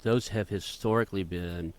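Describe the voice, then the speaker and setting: A low-pitched man in his fifties hosts a podcast interview. He feels his way through his questions, stopping and restarting as he goes. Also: moderate pace, a little mellow. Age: 50s. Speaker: podcast host.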